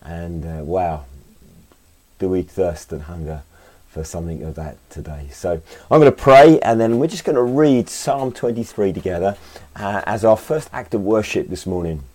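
A man with a croaky, slightly hoarse voice from a cold, speaking as a pastor in an informal, conversational sermon style with hesitations and tag questions. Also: sits low, moderate pace, dark tone. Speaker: pastor leading an online Sunday service. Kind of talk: informal sermon and worship welcome.

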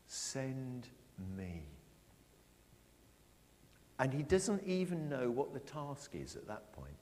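A middle-aged man preaching a sermon, asking his congregation questions and stressing his words slowly. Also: fairly high pitch. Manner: lively, questioning the congregation, slow emphatic phrasing. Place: church. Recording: long church reverb.

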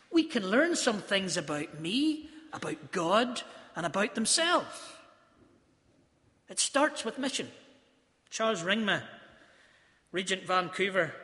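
High, bright-voiced man preaching in echoing hall. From South Africa. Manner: earnest, storytelling, emphatic phrasing. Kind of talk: sermon. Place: church.

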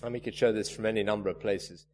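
A man's voice: on the low side, steady tone, fast talker, darkish tone. A man preaching a sermon, earnest and emphatic, leaning hard on key words. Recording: reverberant hall, faint hum.

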